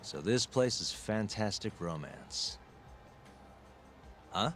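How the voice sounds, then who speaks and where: An actor playing a cocky, laid-back private detective in a video game, talking in a sardonic, unbothered way. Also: male voice, fairly low pitch, lively intonation, slow pace, fairly bright tone, faint music behind. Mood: pointed.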